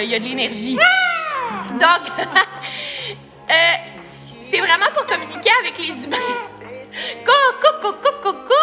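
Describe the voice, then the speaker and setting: A woman's voice: sits high, big-room sound. A young Québécois woman presenting a parrot on a live stream, playful and laughing, cooing and singing to the bird. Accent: Québécois French. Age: young adult. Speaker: animal educator presenting a parrot.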